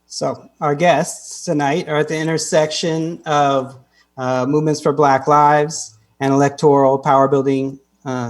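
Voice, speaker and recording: A man co-hosting a live panel, introducing guests with a somewhat halting delivery. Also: a little high.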